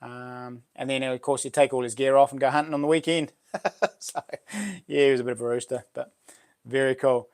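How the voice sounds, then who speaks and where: A man's voice: mid-range voice, flat delivery, fairly quick, a little mellow. A middle-aged man with a broad New Zealand accent, chatting casually to livestream viewers in a laid-back, slangy, matey way. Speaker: livestream host.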